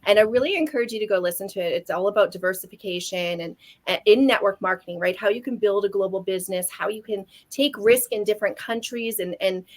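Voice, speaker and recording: A woman's voice: medium pitch, fairly bright tone. A woman in her forties from Canada with a Canadian accent, speaking earnestly as a guest on a webinar, often restarting her sentences. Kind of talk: casual webinar talk.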